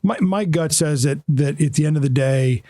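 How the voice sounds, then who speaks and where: A man's voice: a little high, normal speed, warm tone, no room sound. A man with a New York–Boston accent hosting a podcast, chatting casually with frequent fillers and repeated words. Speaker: podcast host. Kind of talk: casual political chat.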